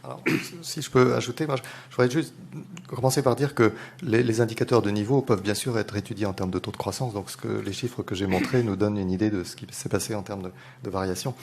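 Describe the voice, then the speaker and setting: Measured man answering with hesitations. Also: lowish voice, steady tone, a little mellow. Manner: measured, hesitant, many fillers. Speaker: economist panelist. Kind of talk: lecture answer.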